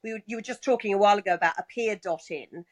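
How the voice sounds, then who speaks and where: A woman's voice: medium pitch, rapid-fire. A woman with a mid-range voice talks on a live video call. She is polite and chatty, asking and explaining in a casual conversational style. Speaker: guest relaying community questions. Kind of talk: casual chat.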